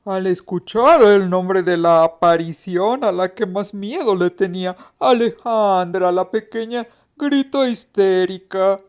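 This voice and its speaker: A woman narrating a mystery story in a slow, expressive, suspenseful reading. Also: medium pitch, clean tone.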